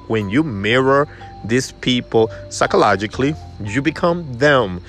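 A man's voice: medium pitch, animated, measured pace, a bit bright, faint music behind. A man giving a motivational sales lesson in an emphatic coaching manner. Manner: emphatic, acts out customer voices. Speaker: sales trainer.

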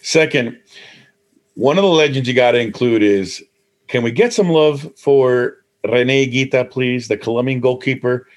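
A man hosts a casual podcast interview at a middling pitch. His talk is breezy and slangy, full of friendly asides to his guest and co-host. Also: normal speed. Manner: breezy and slangy, calls people bro and man.

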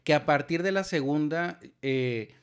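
A man's voice: on the high side, unhurried, clear, resonant tone. A man with a Mexican accent co-hosting a podcast, talking casually with hesitant fillers. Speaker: podcast co-host. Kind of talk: casual chat.

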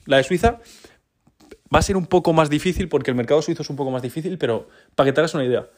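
A young man from Spain in his twenties talks through a casual solo podcast. He speaks quickly and informally, keeps checking in with his listener through little tag questions, and his voice sits a bit high for a man. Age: 20s. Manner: fast, chatty, informal, with frequent tag questions. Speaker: podcast host. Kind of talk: casual business podcast monologue.

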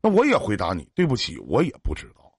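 A man's voice: medium pitch, wildly swooping pitch, quick pace, slightly rough, no room sound, clean studio sound. A man hosting a livestream emotional advice show, talking emphatically with pointed rhetorical questions. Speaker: livestream radio host.

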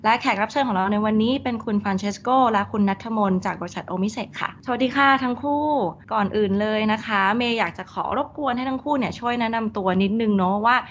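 A woman's voice: on the high side, fast, hardly any pauses. A woman hosting a podcast interview, introducing guests and putting questions to them. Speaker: podcast host. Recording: dull sound with faint background noise.

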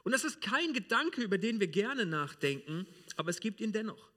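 A man's voice: high-pitched, sing-song, fairly quick, pushed and bright. A man from Germany preaching a sermon in church, speaking directly and informally to the congregation. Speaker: pastor.

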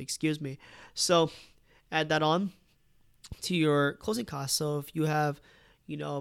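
Talking to camera with a slightly high, gravelly, somewhat mellow voice, a congested real estate agent shares casual advice and repeatedly checks in with "right?" and "you know." The sound is dry and studio quality.

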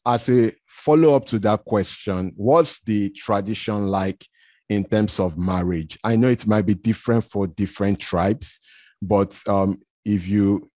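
A man hosting an interview, asking questions in a relaxed, chatty way. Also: on the low side, dry recording. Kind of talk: casual conversational interview.

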